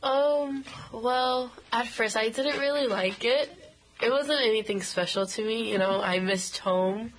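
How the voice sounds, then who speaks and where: A woman's voice: fairly high pitch, measured pace, a little hiss or hum, poor audio. A young woman from Haiti, a native Haitian Creole speaker, giving plain, candid short answers as a student guest in an interview. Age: young adult.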